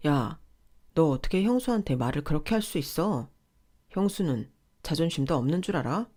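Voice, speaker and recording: A woman's voice: low-pitched, animated, moderate pace, mellow. A woman voicing an arrogant, controlling young husband who talks down to his wife in a sneering, dismissive way.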